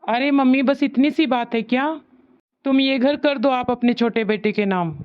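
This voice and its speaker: A woman's voice: sits high, normal speed, dull audio, natural voice. A woman voicing an agreeable adult son speaking on the phone in a cartoon story. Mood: obliging. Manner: agreeable, easygoing.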